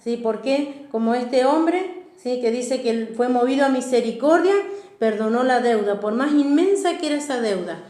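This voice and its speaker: A woman's voice: a little high, animated, moderate pace, warm tone. Woman pastor preaching in an echoey church. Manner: preaching, often asking the congregation "¿sí?". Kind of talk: sermon.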